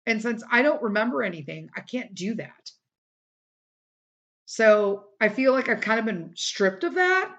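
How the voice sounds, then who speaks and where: Slightly high and fairly bright, this middle-aged podcast host's voice is expressive and a little slow. Alone on her casual show, she talks bluntly and emphatically with some swearing, though a full day of recording has begun to wear her voice down.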